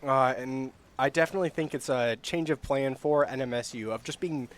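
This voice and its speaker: A man giving casual live color commentary on an esports match, chatty and quick to laugh. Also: medium pitch, slight background noise. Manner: chatty, laughs often, gets loud on big plays.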